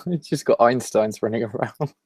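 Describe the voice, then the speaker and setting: A man's voice: medium pitch, expressive, measured pace, darkish tone, husky, dry recording. A man co-hosting a casual podcast chat, joking and laughing often as he rambles through his points. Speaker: podcast co-host. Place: at home while eating.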